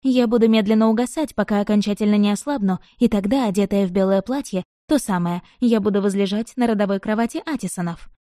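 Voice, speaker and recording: A woman voicing a mischievous, sharp-tongued young noble bride who speaks in a lively, teasing, mock-dramatic way in an audiobook reading. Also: mid-range voice, fast talker, hardly any pauses, no room sound, studio quality, close to an everyday voice. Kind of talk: audiobook narration.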